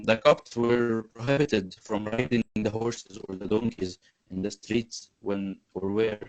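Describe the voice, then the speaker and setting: A man's voice: fairly low pitch, steady tone, measured pace, a little mellow, no echo, poor audio. Hesitant man on a video call. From Egypt. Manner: hesitant, many fillers and restarts. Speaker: webinar panelist. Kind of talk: webinar presentation. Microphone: video call mic.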